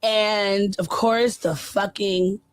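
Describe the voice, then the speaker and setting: Woman co-host, casual chat, unhurried delivery, dry close mic. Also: medium pitch, no echo. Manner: animated storytelling, blunt and profane. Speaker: podcast co-host.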